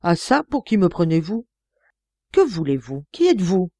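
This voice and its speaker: Woman voicing a widow innkeeper, indignant, sharp outbursts, lifted voice, dry audiobook read. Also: medium pitch, lively intonation, moderate pace, no echo, voice pushed up, natural voice. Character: indignant respectable widow innkeeper, middle-aged. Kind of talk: audiobook character reading.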